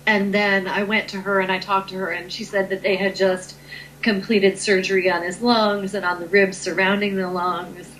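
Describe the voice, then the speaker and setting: A woman's voice: mid-range voice, flat delivery, normal speed, a bit bright, a little hiss or hum, poor audio. A woman being interviewed as a Reiki healer, talking in a hesitant way with many ums and restarts. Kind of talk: conversational interview.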